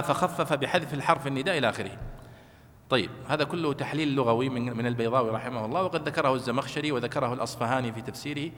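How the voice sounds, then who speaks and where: A man's voice: medium pitch, a bit bright. A male teacher explaining a classical text to students, checking that they follow with short questions. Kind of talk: classroom commentary on a religious text. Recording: long reverb of a hall.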